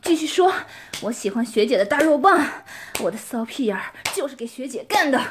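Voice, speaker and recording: Woman voicing a domineering older schoolmate, high voice, breathy panting, bossy orders, hissy noisy recording. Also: lively intonation, a little fast.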